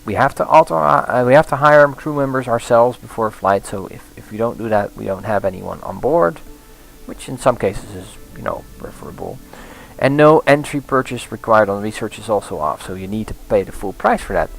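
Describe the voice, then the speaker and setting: A man's voice: fairly low pitch, animated, moderate pace, creaky, soft background music, rough recording. A man casually commenting on a game he is playing, thinking aloud with frequent restarts and small laughs. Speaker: let's play host.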